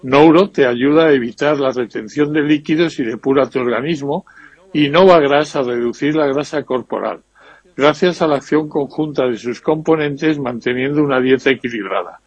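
A man speaking as a doctor in a scripted infomercial pitch for radio. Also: moderate pace, husky, no echo, dull audio. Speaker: doctor promoting supplements.

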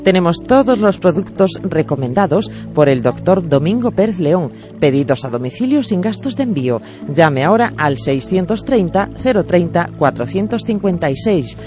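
Guy doing infomercial radio ad, kinda high voice, music under him. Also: sing-song, normal speed. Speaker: advertising announcer. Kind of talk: infomercial-style radio ad read. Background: music bed.

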